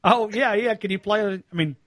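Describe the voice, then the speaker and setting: A man's voice: high-pitched, normal speed, a bit bright, dry recording, studio quality. A man from North Alabama co-hosting a sports radio show, chatting casually, laughing and restarting his words.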